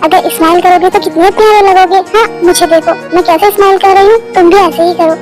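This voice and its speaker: Woman doing a prickly young woman who gripes and sulks; very high, quick voice, dry sound. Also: fairly even intonation, a little mellow, faint music behind, low-quality recording. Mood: coaxing. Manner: sulky, complaining. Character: stubborn, irritable young woman coworker. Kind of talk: amateur fan dub.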